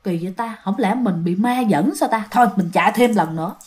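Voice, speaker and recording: A woman's voice: mid-range voice, brisk, a little mellow, close to an everyday voice. Woman quoting a puzzled, muttering tipsy man. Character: tipsy middle-aged man lost on a night road.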